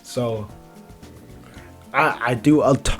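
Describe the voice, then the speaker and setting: A young man making a casual video, talking fast with frequent stutters and restarts. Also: medium pitch, soft background music. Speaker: video creator. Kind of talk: casual vlog commentary.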